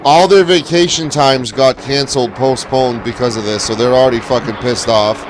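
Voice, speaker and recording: A man's voice: medium pitch, moderate pace, noisy background. A man hosting a casual live panel stream, greeting viewers and swearing freely. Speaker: livestream host.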